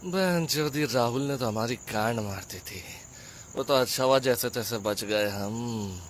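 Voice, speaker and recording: A man voicing a crude, excitable young man who swears freely in an audio drama. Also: on the high side, moderate pace, a little hiss or hum. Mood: excited. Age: young adult.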